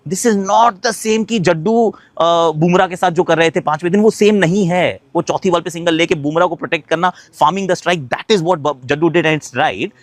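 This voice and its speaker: A man's voice: a little high, no room sound. A man giving a casual cricket reaction, mixing Hindi and English with emphatic points and frequent hesitant fillers. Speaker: cricket commentator.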